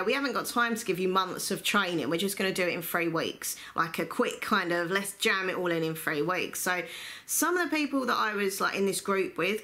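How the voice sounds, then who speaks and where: English woman, casual gossipy storytime vlogger, lowish pitch, bright forward tone. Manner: gossipy, rambling, self-deprecating. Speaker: YouTube storyteller and host.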